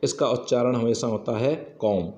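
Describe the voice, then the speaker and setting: A man's voice: medium pitch, unhurried, mellow, roomy sound. A man giving an exam-prep English lesson, explaining rules step by step and often saying "yes, friends". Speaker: English teacher.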